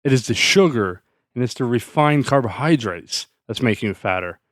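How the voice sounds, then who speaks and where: A man hosts his own podcast and rants in a sarcastic, worked-up way. His voice sits at an ordinary middle pitch. The recording is dry and close, with no room echo. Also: animated, normal speed, a bit bright. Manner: fired-up, sarcastic ranting. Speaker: podcast host. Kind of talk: solo podcast rant.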